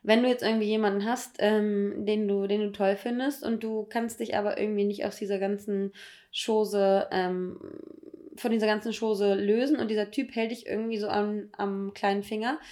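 A woman's voice: mid-range voice, steady tone, normal speed, warm tone. A young adult woman co-hosting a podcast, talking in a blunt, slangy, emphatic way. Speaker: podcast co-host. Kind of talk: casual chat.

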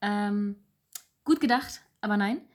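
A woman's voice: medium pitch, takes it slowly, a little mellow. Laid-back young woman podcast host. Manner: casual and laughing, explains terms plainly. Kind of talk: casual chat.

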